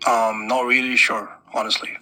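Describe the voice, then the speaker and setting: A man from Sudan, calmly explaining his points in a casual group discussion. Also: mid-range voice, normal speed, background noise. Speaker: podcast guest.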